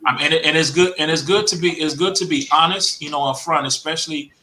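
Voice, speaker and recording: A man's voice: fairly high pitch, quick pace, bright, forceful tone, slight background noise, poor audio. A man hosting a casual live-stream talk, rambling and leaning on "you know what I'm saying". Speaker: host.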